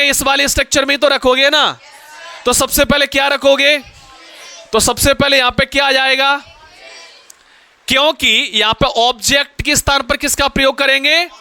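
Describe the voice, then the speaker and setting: A man with a very high voice teaches a grammar lesson in a classroom, firing questions at the students and pushing them to answer loudly.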